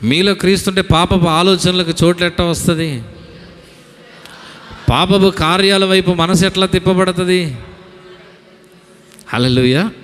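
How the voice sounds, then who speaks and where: A man preaching a sermon to a congregation as their pastor, calling on them to repeat lines aloud. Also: fairly high pitch. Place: church hall. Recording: long hall reverb.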